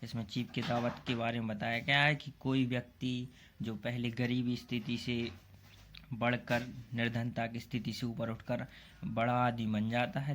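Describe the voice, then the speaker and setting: A man tutoring students through exam answers in a relaxed, conversational way. His voice sits at an ordinary middle pitch. A faint hiss of background noise runs under the recording. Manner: plain explanatory talk, often addresses students directly. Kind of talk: casual exam-prep lesson.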